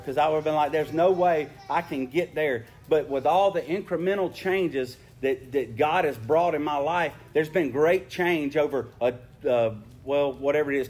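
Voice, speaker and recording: A pastor with a fairly high, darkish voice preaches in a church sanctuary, earnest and conversational, often repeating words as he starts over. He then reads scripture and leads a prayer.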